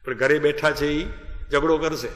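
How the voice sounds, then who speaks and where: A man's voice: a little high, fairly even intonation, normal speed, fairly bright tone. A man giving a devotional sermon as a spiritual teacher, talking with his listeners and calling on them by name. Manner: conversational, calls on listeners by name. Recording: echoey hall reverb.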